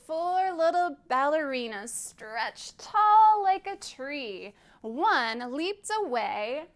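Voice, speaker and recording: Her voice sitting high, a woman hosts a virtual storytime for a library, clearly and softly telling a tale to kids and asking them to join in counting.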